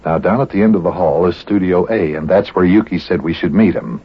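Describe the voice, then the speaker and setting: A husky, big-voiced announcer. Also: male voice, low-pitched, fairly quick. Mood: announcing. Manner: formal announcer delivery. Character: big deep-voiced radio announcer man. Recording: dull old record.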